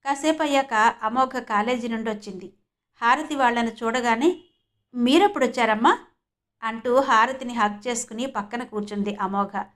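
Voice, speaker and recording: A woman from Andhra Pradesh narrating a novel as an audiobook, in steady storytelling. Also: fairly high pitch, normal speed. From Andhra Pradesh, India.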